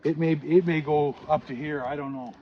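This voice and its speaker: Halting man, muffled outdoor sound. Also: fairly high pitch, steady tone. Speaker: log cabin builder and vlogger. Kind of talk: casual chat explaining work. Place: outdoors at a cabin building site. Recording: muffled, noisy outdoor camera audio.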